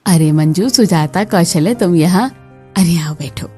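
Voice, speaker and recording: A woman's voice: on the low side, unhurried, dark tone, faint music behind, natural voice. A woman doing a stern bossy mother-in-law. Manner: complaining, bossy. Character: stern scolding middle-aged mother-in-law. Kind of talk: dramatized family skit.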